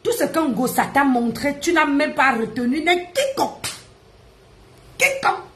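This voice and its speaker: A woman, ranting and mocking on a live stream, loud, laughing and teasing. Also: high-pitched, normal speed. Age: 50s. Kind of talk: Facebook live rant. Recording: echoey room.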